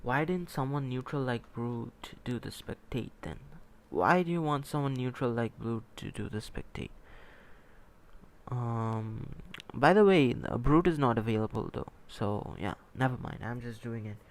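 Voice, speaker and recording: This man's mid-range voice is expressive and a touch slow, recorded up close. He's a non-native English speaker whose first language isn't Hindi, casually hosting a gaming stream where he comments on matches, repeats himself, wanders, and replies to chat along the way.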